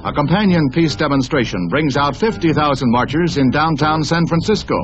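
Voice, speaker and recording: A man reads an old newsreel in a brisk announcer's style, slipping in wry, punning asides. His voice sits a little high for a man. The sound is dull and lo-fi like vintage film audio, with music playing clearly beneath him. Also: lively intonation. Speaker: newsreel narrator. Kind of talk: 1960s newsreel narration.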